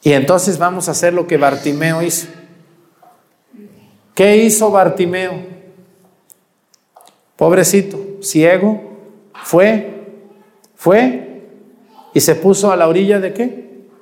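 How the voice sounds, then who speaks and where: A man's voice: high-pitched, takes it slowly, pauses often, a little mellow, long reverb tail. A man preaching a sermon, asking the congregation questions and answering them himself.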